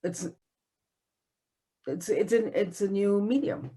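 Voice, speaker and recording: A woman's voice: medium pitch, slow pace, mellow, breathy edge. A woman with a Chicago accent interviewing a guest, asking rambling, loosely phrased questions. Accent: American, Chicago. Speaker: professor, interviewer.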